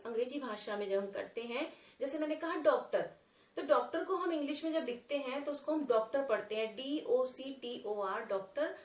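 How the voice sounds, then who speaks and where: Female teacher explaining sounds in a lesson, slightly high-pitched, echoey room. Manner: repeats words and sounds slowly, addresses viewers as friends. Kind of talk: explaining Hindi grammar lesson.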